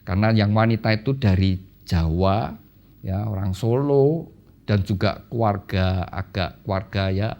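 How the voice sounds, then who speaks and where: A man's voice: measured pace, gravelly. A man teaching a premarital class at church, speaking casually and often addressing listeners as brothers and sisters. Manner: lively, addresses listeners as "saudara"; acts out quoted voices with sudden pitch jumps.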